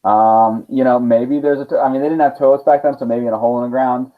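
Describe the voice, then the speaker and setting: A man's voice: medium pitch, steady tone, quick pace. A male teacher telling a story to his students in a playful, casual way with silly asides. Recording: tinny phone-like sound.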